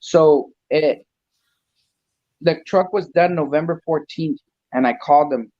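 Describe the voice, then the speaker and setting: On a talk show, a male guest who builds custom trucks tells a long, meandering story in an unhurried, fairly high, darkish voice. He mixes in a few Spanish words and performs the other people's lines; the recording is muffled and has no echo.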